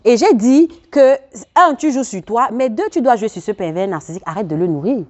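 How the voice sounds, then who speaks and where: A woman's voice: a little high, lively intonation, fairly quick, a little mellow, dull audio. A woman coaching viewers in a self-help video, talking earnestly and preacher-like, speaking straight to the listener and repeating phrases for emphasis. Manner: laughs between points, repeats phrases for emphasis. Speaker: life coach.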